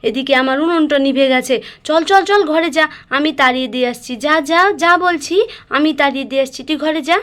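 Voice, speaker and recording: Woman, high voice, bossy scolding big sister for a doll story. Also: fast talker. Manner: scolding, bossy, then soft and soothing. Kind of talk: scripted doll story acting.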